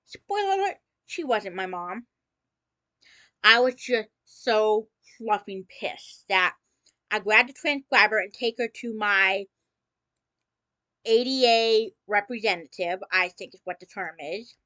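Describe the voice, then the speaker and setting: A woman's voice: mid-range voice, slow pace, sharp tone, no echo. A woman telling a personal story in a casual vlog, opening with a theatrical greeting and dropping sarcastic asides.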